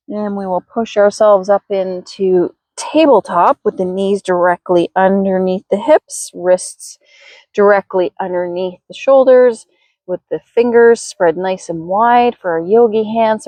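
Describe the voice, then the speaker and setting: A woman yoga instructor leading a slow, gentle class in a careful, unhurried way. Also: mid-range voice, no echo.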